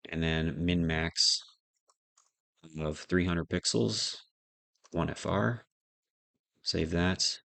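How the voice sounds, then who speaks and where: Typing as he goes, a man narrates a casual live coding tutorial, thinking aloud and muttering to himself. His voice is very low and gravelly yet fairly bright in tone. The recording is dry and close, with no room sound.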